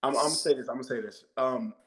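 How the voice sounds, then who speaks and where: A medium-pitched American man in his thirties fires off his words rapidly on poor audio. He co-hosts a podcast and talks with casual passion, driving his points home, repeating himself and cursing freely.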